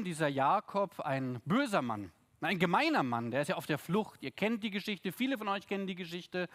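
A man preaching a sermon in a lively, conversational way, with asides and tag questions to his congregation. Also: high-pitched. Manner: reads scripture aloud with the congregation.

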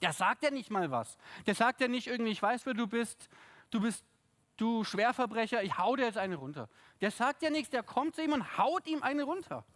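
A man preaching a sermon in a lively, conversational way, with asides and tag questions to his congregation. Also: extremely high pitch, normal speed. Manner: reads scripture aloud with the congregation.

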